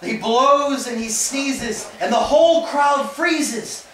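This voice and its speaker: A woman narrating a children's picture-book play at a home party, reading aloud slowly and expressively. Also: high voice, a crowd in the background. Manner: slow, expressive storybook reading. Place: home birthday party, indoors. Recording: roomy, distant home video with background noise.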